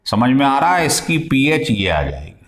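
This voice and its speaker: A man's voice: mid-range voice, big pitch swings, normal speed, gravelly, slight background noise. A male chemistry teacher lecturing in a classroom style, explaining step by step and asking his students questions as he goes. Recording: echoey room.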